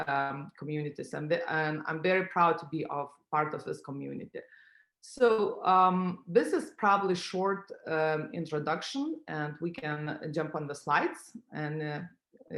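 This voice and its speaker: A middle-aged woman from Lithuania, giving an unhurried online conference talk as a guest speaker, pausing often with fillers. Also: lowish voice. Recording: roomy echo.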